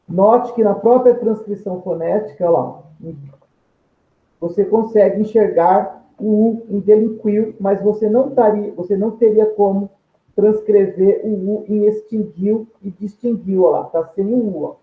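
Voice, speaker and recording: A man's voice: high-pitched, steady tone, a little slow. A man teaching a grammar video lesson. He explains patiently, points at examples on screen and draws out example words syllable by syllable. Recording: echoey room, tinny phone-like sound.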